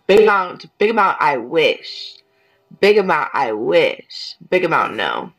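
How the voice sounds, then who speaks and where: A woman's voice: deep voice, sing-song, unhurried, rough recording. A woman in her twenties from Oklahoma, chatting casually and playfully on a video call. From Oklahoma, USA. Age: 20s. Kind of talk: casual chat.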